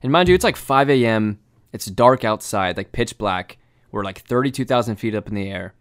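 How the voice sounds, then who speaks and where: A young man telling a story in casual chat, animated and swearing, full of fillers. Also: fairly low pitch, normal speed, clean tone.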